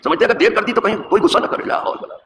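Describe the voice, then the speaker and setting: A middle-aged man, a mosque imam, giving a hadith lesson with animated rhetorical questions and recited verse. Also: sits high. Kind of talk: religious lesson talk. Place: mosque hall. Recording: echoey hall with background noise.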